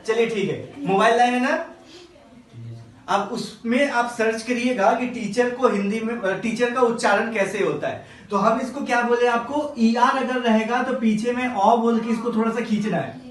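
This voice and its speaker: Classroom teacher, slow and drawn out, mid-pitched voice, echoey room, mic some distance off. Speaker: English teacher.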